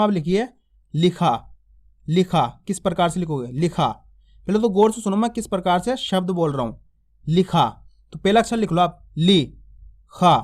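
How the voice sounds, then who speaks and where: A man's voice: sits high, a little mellow. A man teaching beginners to read and write Hindi, patiently sounding out each syllable, repeating words and asking the listener questions. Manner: draws out syllables and stresses sounds when spelling. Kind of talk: slow spelling lesson for beginners.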